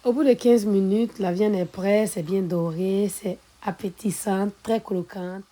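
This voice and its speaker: A woman hosting a cooking video, calmly narrating each recipe step, her voice a little hoarse from being ill. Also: mid-range voice, measured pace. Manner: calm, methodical, repeats set phrases. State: slightly hoarse from illness. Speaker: cooking channel host.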